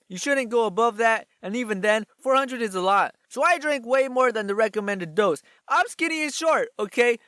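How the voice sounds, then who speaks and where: A young man telling a comic personal story in an animated, sarcastic way. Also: smooth, no echo, clean studio sound. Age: young adult. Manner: animated, sarcastic, jumps in pitch for emphasis. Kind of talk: comedic storytime narration.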